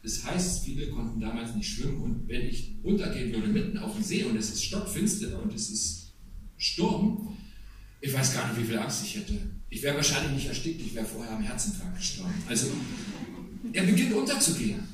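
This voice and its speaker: A man's voice: medium pitch, big pitch swings, fairly quick, distant mic, a little hiss or hum. Man preaching in a very echoey hall. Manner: conversational preaching with asides to the congregation. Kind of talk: sermon.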